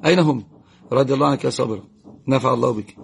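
A man giving a live religious Q&A lesson, answering viewer questions quickly and greeting and blessing viewers by name. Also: mid-range voice, vocal fry, a little hiss or hum. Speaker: religious teacher.

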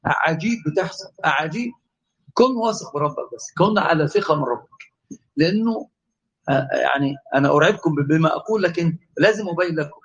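A man with an Egyptian Arabic accent teaching a lively theology lesson, quizzing his class and calling on students. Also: a little high, quick pace, highs cut off. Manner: animated, asks the class questions and calls on students. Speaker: religious teacher.

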